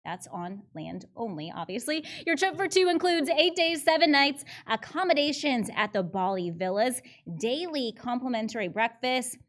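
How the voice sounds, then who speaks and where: Woman, high voice, chatty event co-host, upbeat. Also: very animated, normal speed, few pauses. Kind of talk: presenting auction items.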